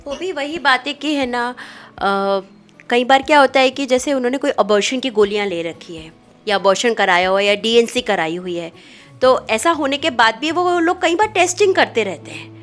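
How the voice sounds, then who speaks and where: A woman gynecologist explaining pregnancy testing in a calm, clinical manner, with small fillers as she talks. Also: a little high, moderate pace, soft background music. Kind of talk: medical explainer conversation.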